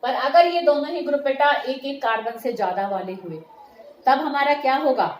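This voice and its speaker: A woman with a high-pitched voice teaches chemistry to a class at a moderate pace, mixing Hindi and English terms in her lecture. She often checks that the students are following and calls them "beta." The room is echoey with faint noise.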